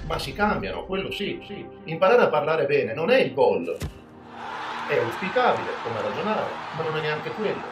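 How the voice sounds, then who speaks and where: A man from Veneto, a podcast host delivering a scripted, ironic and self-mocking monologue. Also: mid-range voice. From Veneto, Italy. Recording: roomy sound with background music.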